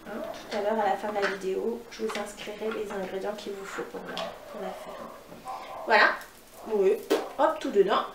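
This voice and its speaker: A woman's voice: mid-range voice, steady tone, normal speed, reverberant, far from the mic, very noisy. A woman with a northern French accent giving a chatty, upbeat cooking demonstration at home, talking straight to her viewers. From northern France. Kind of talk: casual cooking demo.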